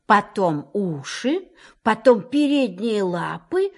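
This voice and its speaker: A woman reading a children's story aloud in an expressive storytelling manner. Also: mid-range voice, slow pace.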